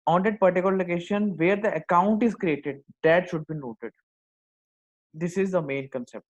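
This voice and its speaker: A man with an Indian accent giving a step-by-step software tutorial, often repeating his phrases for emphasis. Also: high voice, normal speed. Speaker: software instructor. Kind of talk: screen-demo tutorial, explaining step by step. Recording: dull lo-fi microphone sound.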